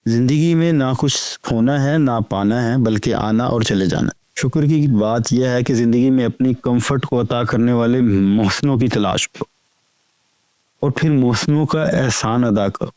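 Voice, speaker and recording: A man delivers a recited Sufi lecture at a measured, deliberate pace, his pitch sitting in an ordinary middle range. The sound is dry and close, with no room around the voice. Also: mellow, no echo. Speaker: reader of spiritual talks.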